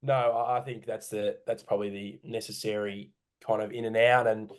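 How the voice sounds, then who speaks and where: An Australian-accented man co-hosts a casual sports podcast from a room at home, speaking at normal speed in a lowish, level voice. He rambles, hesitates and keeps correcting himself.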